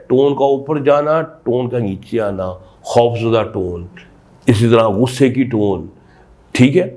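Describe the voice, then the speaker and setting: A man talks as a doctor explaining to camera. He is emphatic and asks many rhetorical questions in a mid-pitched voice. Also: a little mellow. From Pakistan. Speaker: sexologist doctor.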